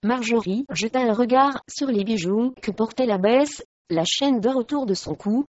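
Woman narrator, audiobook, steady reading, dry slightly muffled sound. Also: on the high side, normal speed, no echo.

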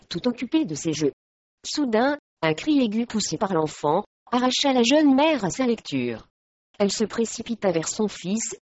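A woman reading a historical story aloud in steady audiobook narration, in a slightly dull recording. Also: medium pitch, no echo.

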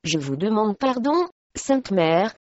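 A woman reading the part of a young noble wife who answers calmly and firmly, in a slightly dull recording. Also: medium pitch, slow pace, no echo. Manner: gentle but firm.

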